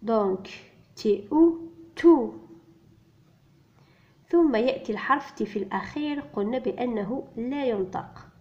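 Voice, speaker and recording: A woman's voice: fairly high pitch, lively intonation, moderate pace, pauses often, darkish tone. A woman teaching French reading to beginners, spelling out letters and sounds one by one and repeating each word. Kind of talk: slow spelled-out reading lesson. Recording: dull lo-fi recording.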